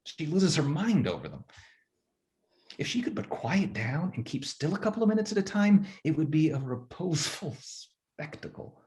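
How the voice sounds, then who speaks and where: A man's voice: a little high, sing-song, moderate pace, a little mellow. An actor playing Adam as a bemused young husband, reading his diary with dry, musing asides over a video call. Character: first man, gruff bemused young husband. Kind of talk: theatrical reading of a one-act play.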